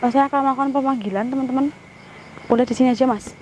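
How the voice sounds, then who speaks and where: Higher-pitched woman leading a ghost summoning. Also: steady tone, rapid-fire, darkish tone, a little hiss or hum, rough recording. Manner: commands a spirit sternly between Islamic prayers; directs the cameraman as she talks. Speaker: ghost-hunting vlogger. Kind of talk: paranormal summoning vlog. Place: outdoors by a river.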